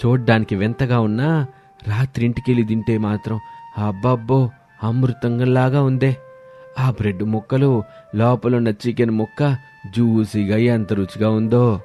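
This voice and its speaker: A man voicing a slow, drawling old village grandfather. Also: mid-range voice, warm tone, lightly acted. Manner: slow, drawn-out speech.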